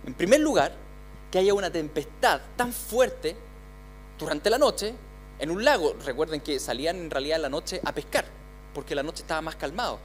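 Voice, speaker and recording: Conversational Chilean pastor preaching. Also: male voice, fairly high pitch, lively intonation, normal speed, slight background noise. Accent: Chilean Spanish. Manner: conversational, repeats words, voices the disciples' pleas. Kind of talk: sermon. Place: church.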